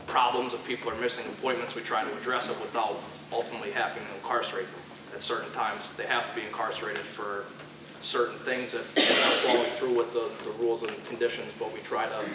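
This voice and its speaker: A man who works as a drug court probation officer, speaking nervously and haltingly on a panel. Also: fairly low pitch, little pitch movement, noisy background. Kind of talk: panel presentation. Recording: echoey room from far off.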